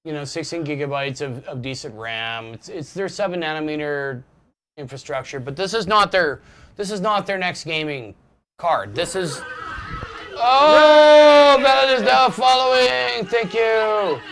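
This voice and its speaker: Excitable swearing man hosting gaming news. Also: a little high, moderate pace. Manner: excitable, swears a lot, rants loudly. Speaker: podcast co-host. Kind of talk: casual gaming news chat. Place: home.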